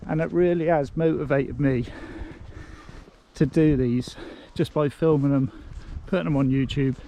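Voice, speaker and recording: A man with an English accent talks through a coastal hike in a slow, easygoing, chatty way, his voice sitting slightly high. Clear outdoor noise runs behind him as he walks the cliffs. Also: steady tone, warm tone. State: out of breath on a hill. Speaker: vlogger host. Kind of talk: casual walking vlog narration.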